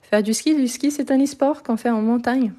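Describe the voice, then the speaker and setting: Mellow-voiced woman teaching French grammar. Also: fairly high pitch, normal speed. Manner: patient, explains step by step, often checks with "ok?". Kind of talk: live online grammar lesson.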